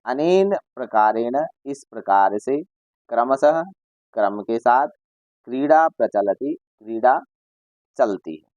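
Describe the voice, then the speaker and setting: Slow, patient male Sanskrit teacher. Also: mid-range voice, lively intonation, a little mellow, no echo, muffled recording. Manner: reads Sanskrit lines, then explains each in Hindi; addresses children directly and imitates bird calls. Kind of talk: explaining a school lesson.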